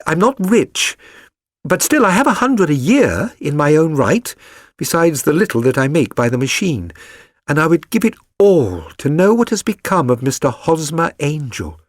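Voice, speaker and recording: A man's voice: fairly high pitch, sing-song, normal speed, no echo, clean studio sound, pitched above the performer's own voice. A man voicing a chatty, flustered young working-class London woman in a storybook reading, rambling earnestly and eagerly. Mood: pleading.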